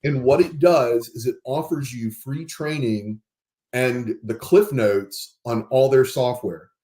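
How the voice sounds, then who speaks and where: A man hosting a podcast in casual conversation, explaining resources and spelling out words slowly. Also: medium pitch, mellow. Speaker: podcast host.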